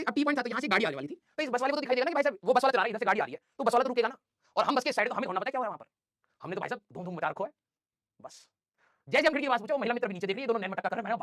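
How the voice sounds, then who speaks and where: A man's voice: very high voice, fairly bright tone, no room sound. Male teacher, rattling off a self-mocking comic story to students at top speed, dry and close. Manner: joking, self-mocking, chatty.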